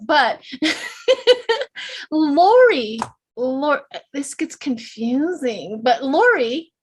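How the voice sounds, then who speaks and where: An older woman from Colorado hosting a casual tarot chat, chatty and upbeat, quick to laugh. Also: high voice. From Colorado, USA. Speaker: tarot channel host.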